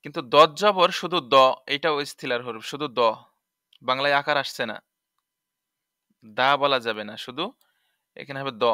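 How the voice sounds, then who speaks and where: A man's voice: mid-range voice, expressive, moderate pace, long pauses, bright, forceful tone, clear, resonant tone, no room sound, studio quality. A Bangladeshi man teaching letter sounds for Quran reading, patiently drilling syllables again and again. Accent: Bangladeshi Bengali.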